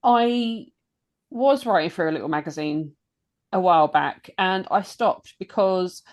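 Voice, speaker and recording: A British woman co-hosting a metal podcast, chatting casually, laughing often and pausing to search for words. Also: on the low side. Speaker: podcast co-host and metal blogger.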